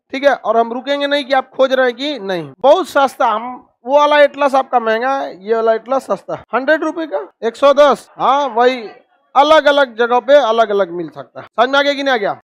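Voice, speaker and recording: A man's voice: very high voice, no room sound. A man giving a classroom lecture as a teacher, blunt and scolding, full of rhetorical questions.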